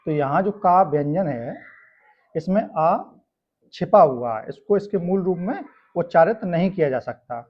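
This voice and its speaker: A man's voice: high voice, lively intonation, unhurried. A male teacher from India explaining a grammar lesson step by step, often checking in with tag questions. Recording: dull lo-fi sound.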